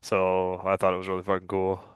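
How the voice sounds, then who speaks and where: A man's voice: deep voice, completely flat delivery, fairly quick, clean tone, no echo. A man in his thirties chatting casually on a gaming podcast in a laid-back way, with some swearing. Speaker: podcast co-host. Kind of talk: casual chat.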